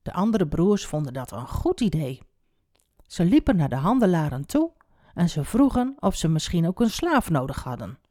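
A woman telling a Bible story to children, expressive and speaking directly to the young listener. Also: fairly low pitch, normal speed, dry recording, clean studio sound.

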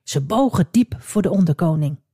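A woman telling a Bible story for children in a lively, expressive way, with small asides to the listener. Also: fairly low pitch, normal speed, slightly rough, dry recording, studio quality.

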